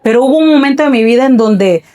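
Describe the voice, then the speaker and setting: A woman's voice: fairly high pitch, fast talker, warm tone. A woman pastor giving an earnest, reflective personal testimony in a faith podcast conversation, often repeating her words.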